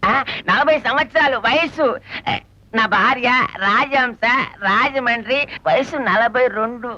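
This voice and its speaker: An actor playing a jealous, suspicious middle-aged husband from Kerala, speaking. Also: male voice, extremely high pitch, measured pace, sharp tone, exaggerated voice. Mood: blunt. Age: 40s. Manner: blunt, suspicious retorts. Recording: dull dry film soundtrack.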